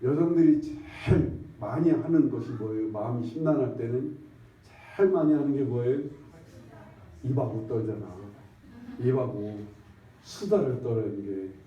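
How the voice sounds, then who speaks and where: In a church sanctuary, a male pastor with a medium-pitched voice delivers a conversational sermon, repeatedly putting questions to the congregation. His style is folksy and repetitive, with drawn-out emphasis. The recording is echoey, distant and dull, with a lo-fi sound.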